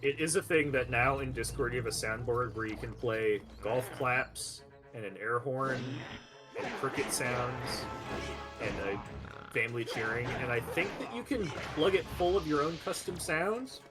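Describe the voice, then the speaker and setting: An animated man rambles and jokes on a livestream, his voice jumping up in bursts. He talks at an ordinary middle pitch. Clear music plays behind him the whole time. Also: unhurried. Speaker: co-host friend on stream. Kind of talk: casual chat.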